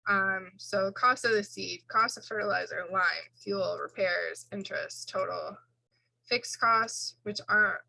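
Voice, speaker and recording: A woman's voice: mid-range voice, gravelly, bright, forceful tone, no echo, poor audio. A woman instructor giving an informal recorded lecture, walking through slides in a casual way with fillers and self-corrections.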